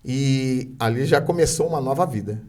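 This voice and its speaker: A man with a Brazilian Portuguese accent tells his life story as a podcast guest. He speaks haltingly, restarts his sentences often, and is moved to tears at times. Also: medium pitch, a little mellow. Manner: hesitant storytelling with many restarts. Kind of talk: emotional personal testimony.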